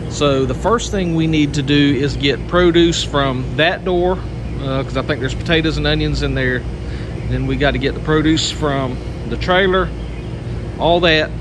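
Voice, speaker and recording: A man with a Southern Georgia accent giving a casual, folksy walkaround tour, explaining things step by step outdoors. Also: on the high side. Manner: folksy, explanatory, lists items one by one. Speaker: vlogger, homestead channel host. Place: outdoors at a farm lot, by a trailer and van. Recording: outdoor video with clear background noise.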